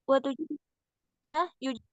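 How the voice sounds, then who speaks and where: A woman student reading aloud haltingly over a choppy online call that keeps cutting out. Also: a bit bright. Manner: halting, careful. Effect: choppy, cutting-out call connection. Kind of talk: reading an Arabic text aloud in an online class. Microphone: phone or computer on a voice call. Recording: dull lo-fi online call audio.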